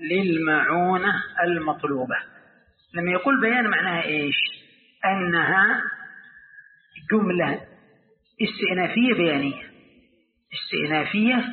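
High-voiced sheikh in an echoey hall. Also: male voice. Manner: repeats key phrases, asks students questions. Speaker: sheikh teaching Quran commentary. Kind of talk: classroom lesson. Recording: tinny, echoey hall recording.

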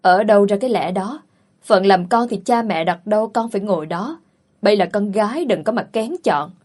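A woman voicing a stern, bossy middle-aged aunt in a storybook reading, scolding and insisting with a husky voice. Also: medium pitch, expressive, moderate pace, a little mellow, close to an everyday voice. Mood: insistent.

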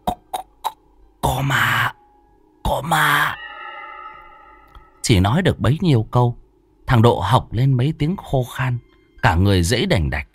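Male horror narrator, dramatic, wildly swinging pitch, dry close sound. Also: husky, no room sound. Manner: dramatic, vivid storytelling. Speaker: storyteller.

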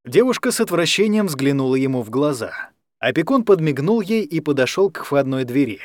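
A man narrating an audiobook with an animated, widely moving voice that sits somewhat high for a man. The recording is close and dry, with no room sound. His reading is expressive and storytelling in tone. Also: fairly quick, dry recording. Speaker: audiobook reader.

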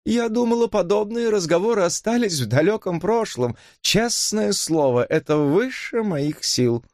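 A man's voice: high-pitched, animated, moderate pace, darkish tone, dry recording, clean studio sound, pitched above the performer's own voice. Man doing a languid, scornful glamorous woman. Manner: languid, drawling, contemptuous. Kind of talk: audiobook reading.

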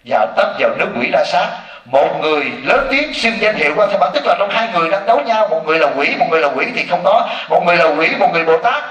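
Monk preaching, acts out little quotes, kinda high voice, far off in a roomy hall. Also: male voice, fast talker. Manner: lively storytelling with acted-out quotes. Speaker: Buddhist monk teacher. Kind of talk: sermon. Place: temple hall.

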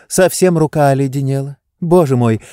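A man's voice: medium pitch, normal speed, dark tone, clear, resonant tone, no echo, studio quality, pitched above the performer's own voice, lightly acted. A man reading an audiobook, voicing a playful, teasing young woman with a capricious manner.

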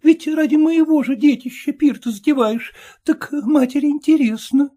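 A man's voice: extremely high pitch, moderate pace, dark tone, pitched above the performer's own voice. A man voicing a timid, fussy middle-aged merchant's wife who keeps interrupting. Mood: pleading.

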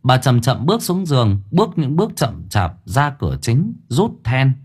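A man narrating a horror story in an expressive, dramatic way. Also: mid-range voice, normal speed, slightly rough. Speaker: audiobook narrator. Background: faint music.

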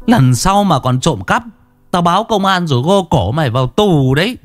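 Brief: male storyteller playing a shrill, harsh village woman, scolding at a high pitch. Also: huge pitch swings, fast talker, creaky, a bit bright, full character voice. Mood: angry scolding.

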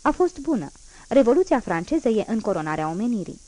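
A woman's voice: fairly high pitch, very animated, dark tone. A woman reading as a proud old revolutionary man. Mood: unyielding. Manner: firm, emphatic declaiming. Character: fierce old male revolutionary, unyielding and proud.

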